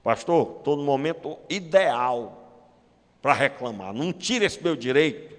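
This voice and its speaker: A man's voice: medium pitch, expressive, a little slow, lightly acted. A Brazilian man with a Brazilian Portuguese accent voicing a grumbling, self-pitying male churchgoer in a whiny, complaining tone. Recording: long church-hall reverb.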